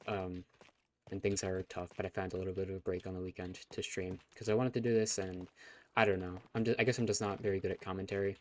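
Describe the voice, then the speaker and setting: A man's voice: deep voice, flat delivery, fast talker, darkish tone. A young man casually chatting on a live stream as its host, rambling with fillers and restarts, his voice getting scratchy. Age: young adult. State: voice going scratchy.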